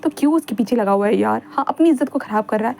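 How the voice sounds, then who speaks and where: A woman's voice: on the high side, expressive, very fast, creaky, a little mellow, a little hiss or hum. A woman voicing a casual young man who cautions his friend in a read-aloud fan fiction story. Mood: worried. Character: worried young male best friend.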